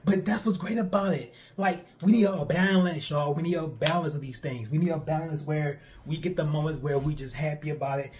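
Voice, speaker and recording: A young man, riffing on pro wrestling for his stream chat in an animated, repetitive way. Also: on the high side, fairly quick, few pauses, a little hiss or hum. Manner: animated, repetitive, talks straight to viewers. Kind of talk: casual streamed commentary to chat.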